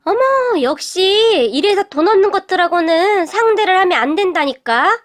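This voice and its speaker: A woman's voice: very high voice, animated, moderate pace, no room sound, studio quality, faint music behind. A woman voicing a snobbish, wealthy middle-aged mother who speaks with sneering contempt. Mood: scornful. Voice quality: sneering, scornful. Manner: yelling, contemptuous.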